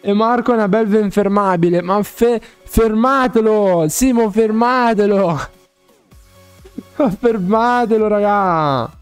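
A man streaming a game live, chatting casually with viewers, excitable and playfully pleading, often laughing. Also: high-pitched, slow, smooth, dry recording, faint music behind.

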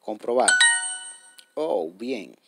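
A man's voice: medium pitch, big pitch swings, drawn-out words, vocal fry, heavy background noise. A man hosting a step-by-step app tutorial. He explains patiently, repeats himself, and keeps checking in with his viewers. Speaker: tutorial host.

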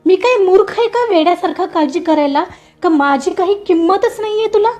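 A woman's voice: sits high, lively intonation, unhurried, mellow, lo-fi sound. A woman voicing a young man who is loving but angry and scared, speaking agitated with a raised voice.

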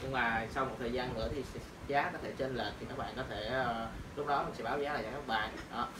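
A man's voice: mid-range voice, steady tone, fast talker. A young man presenting boxing gloves and hand wraps in a casual product demo, speaking loosely with many fillers. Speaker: martial arts shop presenter. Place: small room in a shop, indoors. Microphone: camera on tripod a few meters away. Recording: roomy, distant camera audio with noise.

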